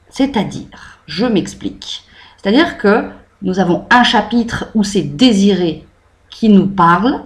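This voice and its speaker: A woman's voice: medium pitch, a little mellow. Chatty French woman reviewing a book. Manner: chatty, many "euh" fillers, improvised. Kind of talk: improvised book review to camera.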